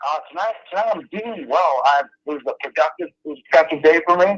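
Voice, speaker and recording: A man's voice: fairly high pitch, animated, quick pace, a crowd in the background. A man talking over the phone as an interview guest, telling rambling, self-deprecating stories in a casual way. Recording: muffled phone line.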